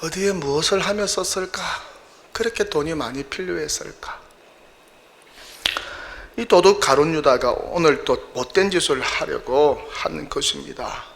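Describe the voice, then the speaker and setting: A man's voice: fairly high pitch, a little slow, vocal fry, fairly bright tone, slight background noise. A male pastor preaching a sermon in a church, emphatic and full of rhetorical questions.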